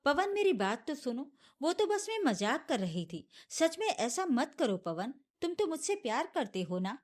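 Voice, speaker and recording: A woman's voice: high-pitched, very animated, normal speed, darkish tone. Woman doing a cruel scheming daughter-in-law. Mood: pleading. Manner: harsh, threatening, mocking.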